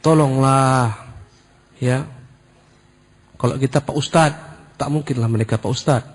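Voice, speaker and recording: A man voicing a worried mother who slowly pleads with a cleric to advise her son. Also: mid-range voice, lightly acted. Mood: pleading.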